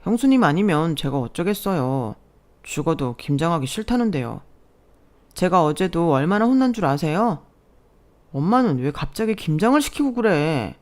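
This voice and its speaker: A woman's voice: fairly low pitch, very animated, moderate pace. A woman doing a sulky grumbling brother-in-law. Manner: whiny, grumbling.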